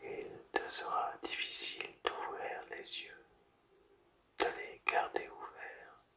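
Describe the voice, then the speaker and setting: Hushed, very slow night-time ASMR whisper. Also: very deep voice, monotone, gravelly, recorded from a distance. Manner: soothing, slow, deliberate, with long pauses. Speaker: ASMR sleep guide. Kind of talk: ASMR sleep hypnosis, whispered guidance.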